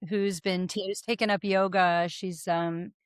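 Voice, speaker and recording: A woman co-hosting a podcast in a casual group conversation, thoughtful and pausing often with "uh" and "um.". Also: fairly low pitch, fairly even intonation, clear, resonant tone, no room sound, clean studio sound. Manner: thoughtful, with many "uh" and "um" pauses. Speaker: podcast co-host.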